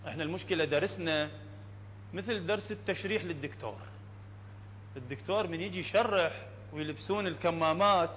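High-voiced Iraqi man teaching in a hall. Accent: Iraqi Arabic. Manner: explanatory, checks understanding often, demonstrates sounds slowly. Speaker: Quran recitation teacher. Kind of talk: classroom lesson on tajweed. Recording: dull lo-fi recording with long hall reverb and faint hum.

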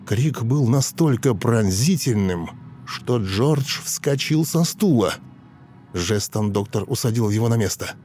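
A man narrating a dramatic audiobook in a measured, expressive way. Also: mid-range voice, slight background noise. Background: soft music.

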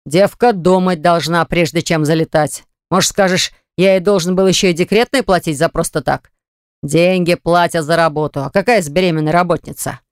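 A reader voicing a callous small-company boss who defends himself in slow, indignant tones. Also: male voice, a little high, fairly even intonation, clean tone, no room sound, clean studio sound, lightly acted. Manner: slow, indignant, self-justifying.

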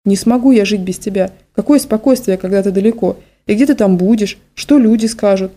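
A woman's voice: mid-range voice, a little fast, warm tone, close to an everyday voice. A woman voicing a worried, tearful middle-aged village mother who laments and pleads. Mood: distraught.

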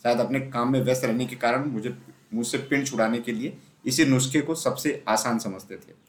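A man narrating a classic children's story aloud in a steady storytelling manner. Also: medium pitch, fairly quick. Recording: roomy echo.

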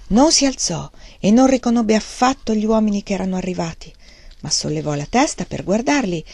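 A woman's voice: on the low side, creaky, a little mellow, slightly rough. A woman with an Italian accent reading a novel aloud expressively, sometimes dropping to a whisper. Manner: dramatic, dipping into whispers. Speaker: audiobook reader.

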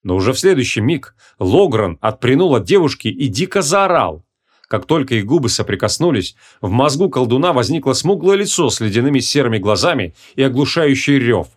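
A man narrating a humorous fantasy audiobook in an expressive, dramatic storytelling manner. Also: medium pitch.

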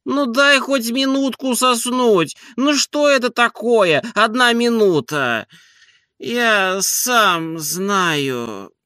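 A man voicing a lazy, sleepy landowner who is hoarse and petulant. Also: sits high, expressive, slow pace, bright, forceful tone, no room sound, studio quality, pitched above the performer's own voice, exaggerated voice. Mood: irritable. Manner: whiny, petulant.

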